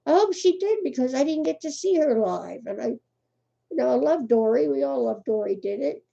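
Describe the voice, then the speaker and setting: With a high, gravelly yet mellow voice, lively intonation and a moderate pace, an older woman hosts a casual crochet livestream. She laughs often and greets her viewers by name, though the audio comes through muffled and lo-fi.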